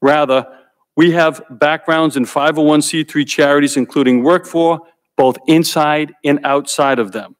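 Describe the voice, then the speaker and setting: A man's voice: fairly high pitch, steady tone. Emphatic man giving formal testimony. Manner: emphatic, deliberate, repeats key points. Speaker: hearing witness. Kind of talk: prepared testimony. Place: congressional hearing room.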